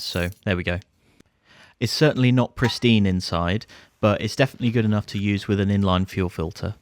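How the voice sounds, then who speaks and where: This deep-voiced British man, in his thirties, narrates his restoration video conversationally and without fuss, dropping in casual side comments. The recording has no room sound, though he's in a barn workshop wearing a clip-on mic as the series host.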